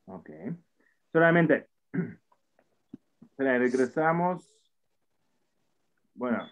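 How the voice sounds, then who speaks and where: A man's voice: medium pitch, lively intonation, drawn-out words. Man teaching over a tinny line. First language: Russian. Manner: explanatory, frequent tag questions and restarts. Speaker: language teacher. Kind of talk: online English class taught in Spanish. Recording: tinny phone-like audio over a call.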